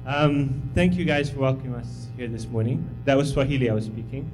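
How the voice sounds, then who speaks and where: A mid-range male voice, a little fast, comes through background noise in a church sanctuary, where a visiting missionary in his thirties who grew up in Tanzania gives an informal, humble, encouraging sermon with lots of fillers.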